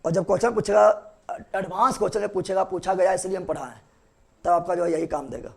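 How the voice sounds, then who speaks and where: A high-pitched young man teaching biology. He keeps firing quick questions at the class and repeats key terms until they stick. His tone is that of a classroom lecture. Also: steady tone, creaky, darkish tone.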